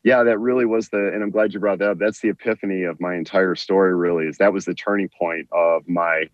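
A man's voice: sits low, steady tone, brisk, no room sound. A man who is a guest on a talk show, telling a long personal story and often repeating and restarting his words. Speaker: guest, veteran author. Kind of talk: storytelling in an interview. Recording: muffled dry lo-fi line.

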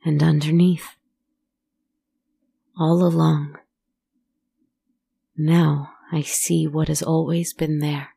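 Woman voicing a creaky, brooding forest shapeshifter in horror story. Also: low voice, little pitch movement, takes it slowly, long pauses, mellow, no room sound, exaggerated voice. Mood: calm relief. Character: weary shapeshifting forest creature shedding its former selves. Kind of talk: scripted horror storytelling monologue.

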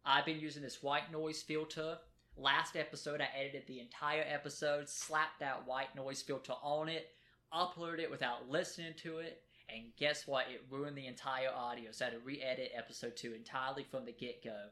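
A man co-hosts a casual podcast from his kitchen table, rambling and joking as they chat. His mid-range voice is pushed and bright, with a flat delivery at normal speed. He's recorded on a home podcast mic.

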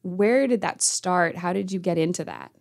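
Podcast host lady, kinda low voice, easygoing questions. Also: animated, normal speed, vocal fry. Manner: curious, conversational questions. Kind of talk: interviewing.

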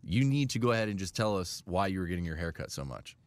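Lowish-voiced man, animated host storytelling. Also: fast, no echo. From Nashville-based. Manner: animated, repeats and restarts, laughs often. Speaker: podcast host. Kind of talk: casual storytelling chat.

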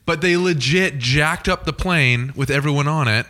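A Canadian man hosting a podcast, chatting casually and throwing in quick jokes. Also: a little high, bright, forceful tone. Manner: joking, quick quips. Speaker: podcast host. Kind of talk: casual chat.

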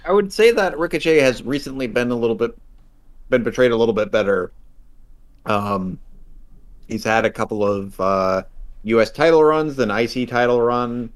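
Co-hosting a podcast, a man chats casually, rambling with plenty of fillers and dry jokes. He has a mid-range voice and speaks at a moderate pace.

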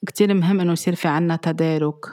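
Fast-talking Lebanese self-help speaker. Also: mid-range voice, fairly even intonation, mellow. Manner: earnest, mixes English psychology terms into Arabic. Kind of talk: self-help talk to listeners.

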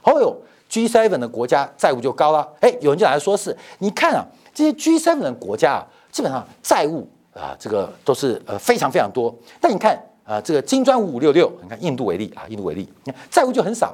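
A man's voice: on the high side, huge pitch swings, quick pace, a little mellow. A middle-aged man hosting a financial commentary show, emphatic and rhetorical, repeating phrases to drive points home.

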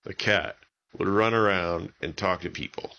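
A man narrating a children's story podcast improvises a bedtime story using simple, repetitive wording. His low-pitched voice moves at a moderate pace with vocal fry and a pushed, bright quality, though the audio sounds dull.

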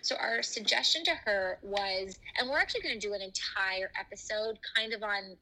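Bright woman heard through phone speaker. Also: mid-range voice, moderate pace, low-quality recording. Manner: chatty, many "like" fillers. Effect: voice from a phone on speakerphone, re-recorded by a mic. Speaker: podcast co-host. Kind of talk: casual podcast chat. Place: at her home. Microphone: phone on speaker, picked up by the other host's microphone.

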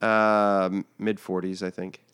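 Man, lowish pitch, nasal head-cold sound, casual co-host chat, short dry replies. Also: little pitch movement, unhurried, fairly bright tone, clean tone. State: getting over a cold. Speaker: beer podcast co-host.

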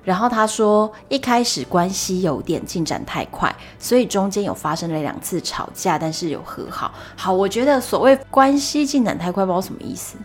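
A young woman hosting a solo podcast, telling stories in a chatty, animated way with exasperated asides. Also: medium pitch, fairly quick, hardly any pauses, faint music behind. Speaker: podcast host.

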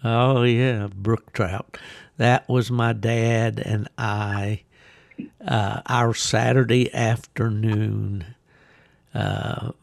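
An older American man from West Virginia chats casually as a podcast host, rambling and folksy with a gravelly voice. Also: on the low side, flat delivery, drawn-out words, no echo. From West Virginia, United States. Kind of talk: casual chat, reminiscing. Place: at home in a hot room he calls a sauna, fan and ice bucket.

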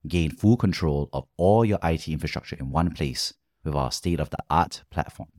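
A man reading an advertisement in a crisp promotional way. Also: rumbling low, moderate pace, a little mellow, dry recording, clean studio sound. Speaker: ad announcer. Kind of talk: read advertisement.

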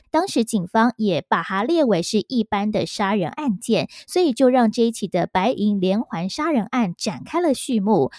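Animated female true crime narrator. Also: on the high side, no room sound, clean studio sound.

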